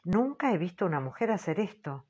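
Audiobook narrator, woman, low-key and lowish, dull audio. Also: big pitch swings, darkish tone, breathy edge. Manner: measured, low-key reading. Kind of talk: scripted literary narration.

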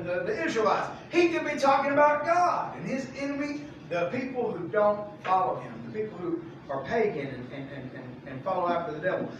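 A man teaching a Bible study as pastor, folksy and animated, reading verses and acting out the characters' voices. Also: very high-pitched, a little hiss or hum. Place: church sanctuary. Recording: echoey room mic from far off.

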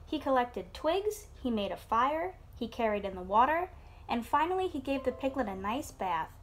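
A woman teacher reads a children's story aloud over an online class, her voice rising and falling with an expressive storyteller's lilt. She sits a little higher than most women and keeps the telling bright and animated. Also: normal speed. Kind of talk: reading a picture book aloud to a child. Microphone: computer mic on an online class.

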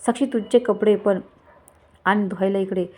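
A woman voicing a gentle kind sister-in-law. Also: medium pitch, steady tone, normal speed, natural voice. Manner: gentle, soothing.

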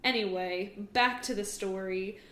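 A woman's voice: medium pitch, unhurried, fairly bright tone. Chatty young woman telling a story. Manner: giggly, loose and chatty, laughs often. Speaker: podcast co-host telling the story. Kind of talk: casual storytelling chat. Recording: roomy recording with faint noise.

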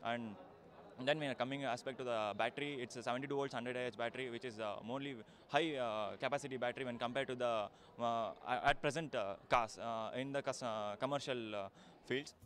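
A young man, a student interviewed outdoors on a handheld mic, speaking haltingly with many fillers. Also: mid-range voice, steady tone, a bit bright. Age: young adult. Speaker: engineering student. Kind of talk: on-camera news interview. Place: outdoors on a college campus. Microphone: handheld news mic.

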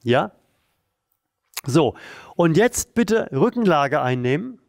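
Calm man coaching a stretch routine. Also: a little high, slow, vocal fry, dry recording. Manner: calm, encouraging, talks while doing the moves. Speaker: therapy coach leading exercises. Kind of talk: guided exercise instruction.

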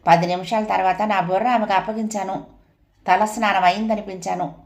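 A woman narrating a first-person family story in a steady, even audiobook reading. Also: medium pitch, fairly quick.

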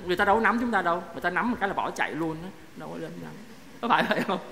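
High-voiced priest preaching in a church. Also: male voice, expressive, very fast, creaky, pushed and bright. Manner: conversational, asks the congregation questions. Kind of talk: sermon. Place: parish church. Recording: echoey church hall, faint noise.

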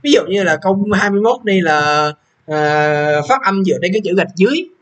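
Talking a little fast, a young English teacher whose voice sits high and sounds expressive and a bit bright goes over an English exam with students. He keeps repeating question numbers and checking whether everyone is with him.

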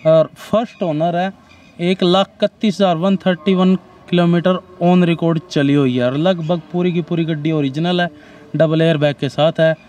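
Fairly high-voiced car-dealer man. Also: steady tone, normal speed, a little mellow, a little hiss or hum. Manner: matter-of-fact, lists features and rates. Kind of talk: sales pitch. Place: outdoor used-car lot.

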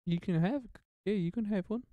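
A person putting on a mock New Zealand accent as a laid-back joking guy, riffing deadpan. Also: medium pitch, fairly quick, no room sound, phone-quality sound, natural voice.

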